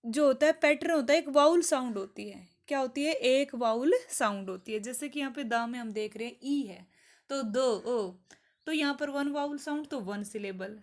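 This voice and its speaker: A woman's voice: sits high, darkish tone. A woman teacher with an Indian accent explaining poetry terms, asking herself questions and answering them. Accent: Indian English. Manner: reads English definitions slowly and deliberately. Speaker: English teacher. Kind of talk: online exam-prep lesson, Hindi mixed with English.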